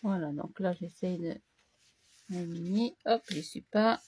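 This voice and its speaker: A woman hosting a crafting tutorial, chatting casually as she works, slightly hoarse and clearing her throat now and then. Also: lowish voice, mellow, a little hiss or hum. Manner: slow, chatty, talks to herself while working.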